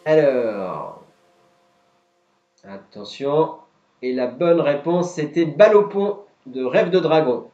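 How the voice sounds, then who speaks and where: A man's voice: on the high side, animated, slow, long pauses, dark tone. Man hosting a quiz in a roomy space. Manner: patiently explains each answer. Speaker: quiz host. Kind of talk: live-stream quiz hosting. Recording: roomy, dull lo-fi sound, faint music.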